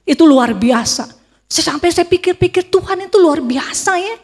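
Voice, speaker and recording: A middle-aged woman giving an emotional church testimony, telling her story with lively acted quotes. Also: very high voice, moderate pace. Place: church hall. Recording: long reverb of a church hall.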